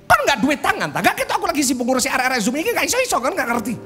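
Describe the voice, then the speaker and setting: A man voicing a frazzled, complaining middle-aged wife, grumbling fast and exasperated. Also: extremely high pitch, big pitch swings, pushed and bright, soft background music, voice pushed up, exaggerated voice.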